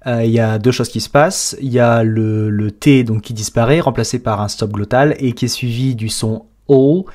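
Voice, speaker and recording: A man's voice: medium pitch, fairly even intonation, normal speed, a little mellow. A French-speaking man coaching English pronunciation, breaking down each sound step by step in an explanatory lesson.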